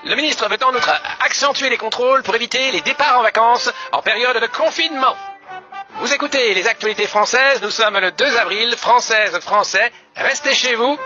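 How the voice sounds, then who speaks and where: Very high-pitched male old newsreel narrator, French accent. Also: moderate pace. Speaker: news announcer. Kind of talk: scripted news bulletin in old newsreel narrator manner. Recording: dull lo-fi radio sound, music behind. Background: music.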